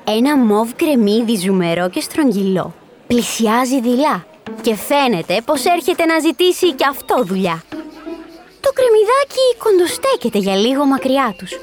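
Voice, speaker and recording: A woman narrating a rhyming children's story in an expressive, sing-song way. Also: on the high side, soft background music.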